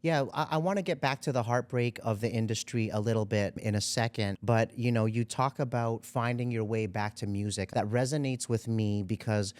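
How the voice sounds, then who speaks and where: A man hosting a podcast, asking a guest questions in a relaxed, encouraging way with lots of affirming yeahs. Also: medium pitch, normal speed, hardly any pauses, no echo, studio quality. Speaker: podcast host. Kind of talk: conversational interview.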